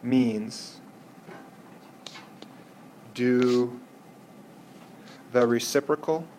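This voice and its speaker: A man teaches a math lesson in an ordinary, mid-pitched voice. He walks through each step patiently and keeps asking whether the class follows. Faint room noise sits behind him. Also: very slow, a little mellow. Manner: patient, checks in with students often. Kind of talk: classroom lecture.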